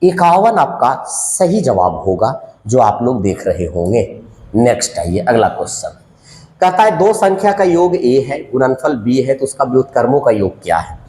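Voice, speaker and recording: A man's voice: mid-range voice, sing-song, normal speed, darkish tone. A man teaching a math lesson for exam prep, working through sums aloud in a sing-song counting patter. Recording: echoey room with long reverb.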